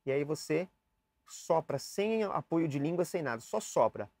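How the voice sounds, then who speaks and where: A man's voice: a little high, expressive, unhurried, darkish tone, no room sound. A young man teaching saxophone basics in a casual, chatty way, demonstrating and talking straight to the viewer. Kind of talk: casual instructional lesson. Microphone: camera mic, switching cameras.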